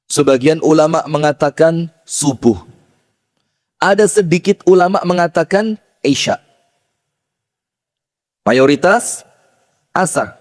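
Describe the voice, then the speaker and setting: A man preaching a sermon, telling stories with lively rhetorical questions to his audience and chanting verses slowly. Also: on the high side. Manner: slow chanted Quran recitation. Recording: long hall reverb.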